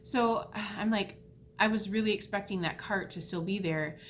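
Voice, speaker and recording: A woman vlogging in a casual, rambling way, retelling a mishap with animated, self-deprecating asides. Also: mid-range voice, moderate pace, slight background noise. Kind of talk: casual storytelling vlog.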